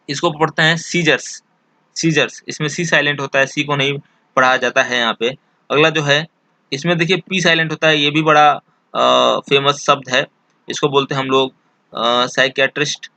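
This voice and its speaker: A man teaching an exam-prep lesson, explaining slowly and repeating each point with many fillers. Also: mid-range voice, sharp tone, dry recording.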